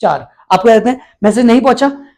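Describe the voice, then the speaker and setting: A man's voice: very high-pitched, expressive, quick pace, creaky, darkish tone. A male teacher from India giving an exam-prep lecture, constantly quizzing his students and repeating the answers.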